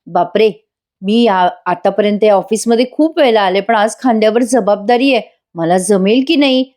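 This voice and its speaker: A woman's voice: mid-range voice, normal speed, darkish tone, lightly acted. A woman reading an anxious young wife. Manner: anxious, hesitant. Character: nervous young married woman.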